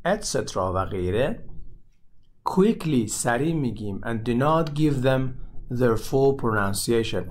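A man gives an English lesson at an even, mid-range pitch. He says English terms and then explains them in his own words, in a patient, explaining manner. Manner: switches between English terms and Persian explanations. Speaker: English teacher. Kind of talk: explaining English pronunciation in Persian.

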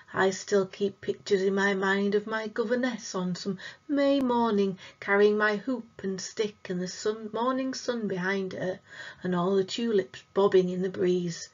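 A woman's voice: mid-range voice, dull audio, close to an everyday voice. A woman voicing a faint, sad ghost child from long ago who talks hesitantly and wistfully in old-fashioned words.

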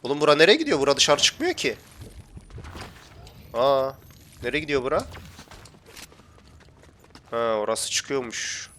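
A man's voice: mid-range voice, huge pitch swings, measured pace, long pauses, sharp tone, a little hiss or hum. A young man commentating his gameplay for viewers, chatty and often complaining that he is getting annoyed. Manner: grumbling, gets worked up and complains to viewers. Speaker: gaming YouTuber.

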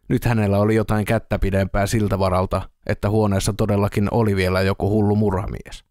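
A man reading an audiobook in a steady, even storytelling manner, close to the mic. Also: fairly low pitch, dry recording. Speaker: audiobook reader. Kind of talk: audiobook narration.

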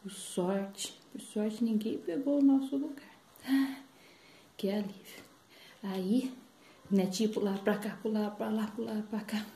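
A woman's voice: medium pitch, fairly even intonation, unhurried, vocal fry, mellow. An older woman, a grandmother, telling a playful, chatty children's story with frequent laughs. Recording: roomy echo.

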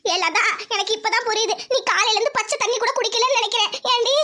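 A woman's voice: very high-pitched, fairly even intonation, quick pace, noisy background. A woman doing a scolding old village grandmother. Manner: scolding, nagging. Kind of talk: cartoon voice acting.

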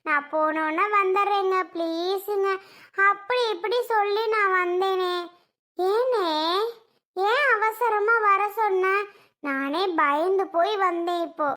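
Woman playing chatty anxious younger sister, fretful, very high-pitched. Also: takes it slowly, bright, forceful tone, full character voice. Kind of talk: home-made family drama skit.

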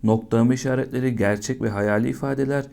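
Male teacher talking to little kids, gravelly and kinda dark, keeps asking and answering his own questions. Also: medium pitch, fairly even intonation, fast. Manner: patient, asks questions and answers them himself. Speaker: primary school teacher. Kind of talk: teaching a lesson to young children.

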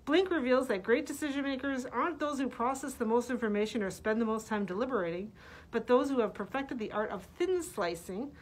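In a library room lined with bookshelves, a middle-aged woman librarian presents books, reading their blurbs with casual asides. Her voice is on the high side and a little fast, slightly muffled by a face mask.

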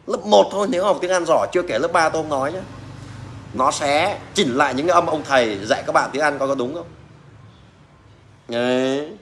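Blunt, mocking mechanic. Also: male voice, on the high side, fairly bright tone. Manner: blunt, mocking, swears and laughs often. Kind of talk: casual rant to fellow mechanics.

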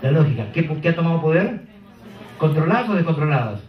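A man with a Peruvian accent giving a lively sales-training seminar, quizzing the audience as he goes. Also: fairly high pitch, a little fast. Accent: Peruvian Spanish. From Peru. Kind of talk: live motivational seminar talk. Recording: roomy, distant, dull seminar hall.

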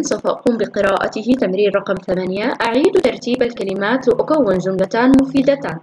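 A woman teacher going through workbook exercises for young pupils, praising often and slowly drawing out syllables as she sounds words out. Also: medium pitch, darkish tone, a little hiss or hum, poor audio. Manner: slow, drawn-out syllables when sounding out words. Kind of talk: recorded classroom lesson.

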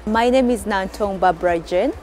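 A woman's voice: mid-range voice, moderate pace, darkish tone, slight background noise. A woman from Uganda, a founder speaking sincerely in an interview.

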